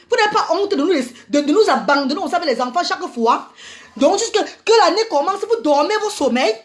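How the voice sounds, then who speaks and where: A woman vlogger delivering an indignant, repetitive ranting monologue, scolding her listeners and calling them "maman" and "mes amis.". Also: sits high. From Africa.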